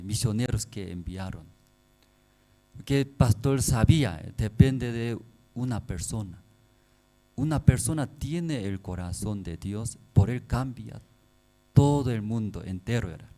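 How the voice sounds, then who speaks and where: A man with a Korean accent preaching a sermon in halting, non-native phrasing, often checking with the congregation through short rhetorical questions. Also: fairly low pitch, warm tone, low-quality recording. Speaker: pastor.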